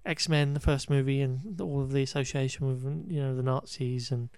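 At normal speed, a man with a steady, medium-pitched voice that's smooth and a little mellow recaps a film on his podcast, with no echo. It's a casual, rambling chat, wry and exasperated, full of restarts and the odd swear word.

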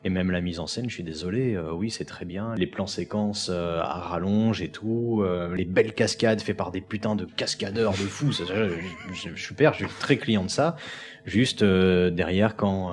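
A man's voice: deep voice, sing-song, normal speed. A man co-hosting a casual film podcast, hesitant with fillers and restarts, laughing easily. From Belgium. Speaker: podcast co-host.

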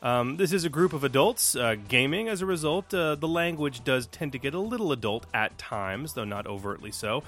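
A man acting as game master, reading out a mission briefing with emphatic jumps in pitch at the start of phrases, then introducing the players. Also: animated, normal speed, hardly any pauses, fairly bright tone. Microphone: voice call setup.

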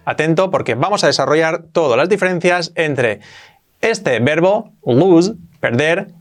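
A man with a Spain Spanish accent hosting an English lesson, energetic, repeating example phrases slowly and clearly. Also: a little high, soft background music. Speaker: English teacher and host.

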